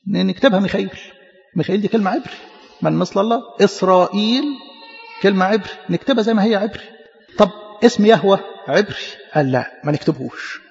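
A man's voice: high-pitched, creaky, a little mellow. A man preaching with an Egyptian Arabic accent, explaining emphatically and stumbling over repeated words. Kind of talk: sermon teaching. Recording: echoey hall, muffled lo-fi.

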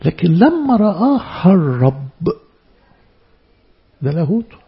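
Egyptian guy preaching in church, high-ish gritty voice, loud stresses then quiet bits, muffled recording. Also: very animated, unhurried, husky. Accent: Egyptian Arabic. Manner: emphatic, swinging between loud stresses and soft asides. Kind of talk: church sermon.

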